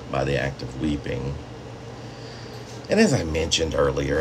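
In a small room at home, a man in his fifties with a very deep voice talks to the camera, mixing casual chat with readings of his own poetry. He rambles in a relaxed, conversational way, like a poet sharing his work, and there's some background noise.

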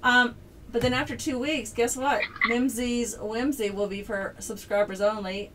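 A woman's voice: a little high, steady tone, a little slow, noisy background. A woman hosting a casual livestream, chatting in an upbeat, rambling way. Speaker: streamer and game designer host.

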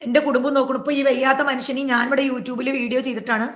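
A woman's voice: high voice, fairly even intonation, fast talker. A woman talking straight to her viewers in a personal vlog, emphatic and aggrieved, repeating her points. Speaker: YouTuber. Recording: echoey room.

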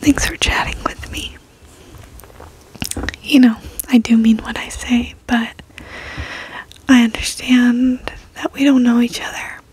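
A young adult woman gives a reassuring ASMR pep talk in a soft, breathy whisper, close to a desk microphone in a bedroom. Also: fairly high pitch, flat delivery, low-quality recording. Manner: slow, reassuring, gentle encouragement. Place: bedroom, indoors.

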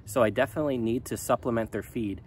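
A man in his thirties talking casually to a handheld phone outdoors in his chicken run, relaxed and rambling with many ums. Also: medium pitch, fast, a little hiss or hum. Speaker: small farm vlogger. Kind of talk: casual vlog talk to camera. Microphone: phone at arm's length.

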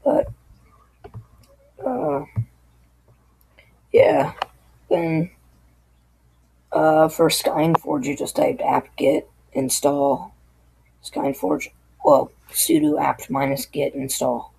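A sick, hoarse tech tutorial host talking through a screen recording in a halting, apologetic way. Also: medium pitch, expressive, warm tone, slight background noise, poor audio. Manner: halting, apologetic, loses train of thought.

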